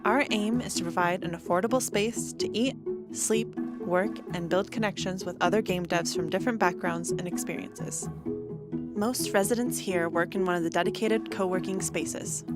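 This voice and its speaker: A woman giving a scripted, upbeat promo narration with an even delivery. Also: lowish voice, moderate pace. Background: loud background music.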